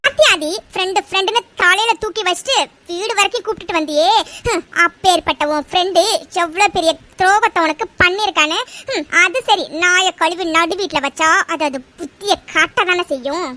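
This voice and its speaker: A man voicing a sharp-tongued middle-aged woman in a cartoon story, scolding and sneering at others. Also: very high voice, a little fast, few pauses, faint music behind, pitched above the performer's own voice, full character voice.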